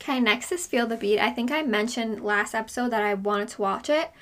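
A woman's voice: fairly high pitch, fairly quick, fairly bright tone. A woman co-hosting a podcast in casual chat, gushing and emphatic with lots of "like", recorded inside a small hot closet. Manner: gushing, emphatic, heavy use of "like". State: overheated. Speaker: podcast co-host.

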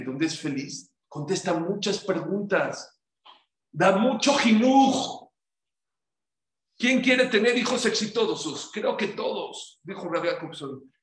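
A man giving a sermon as a rabbi, lively, firing rhetorical questions at his listeners. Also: high-pitched. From Mexico. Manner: animated, rhetorical questions to the audience. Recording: echoey room.

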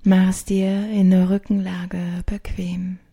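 Slow, breathy woman guiding a sleep meditation. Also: on the low side, flat delivery. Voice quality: soft, breathy. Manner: soothing, hushed, partly whispered delivery with long pauses. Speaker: guided meditation narrator. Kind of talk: guided sleep meditation, like a sleep story narrator.

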